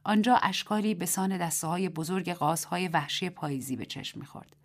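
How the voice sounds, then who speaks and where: A woman reading a literary short story aloud as narrator and host, in a measured, dramatic reading. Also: fairly low pitch.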